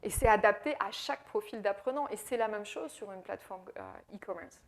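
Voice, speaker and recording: This woman, a French-accented AI consultant from France, is presenting to a business audience in Quebec. Her medium-pitched voice is animated and a little fast, full of fillers and repeated words as she explains.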